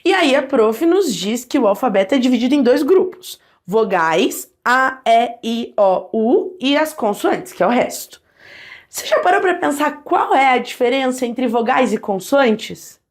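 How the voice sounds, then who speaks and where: A woman's voice: high-pitched, normal speed. A woman teaching a Portuguese grammar lesson, talking straight to viewers and sounding out vowels and consonants for them to repeat. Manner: lively, addresses viewers directly, models sounds aloud.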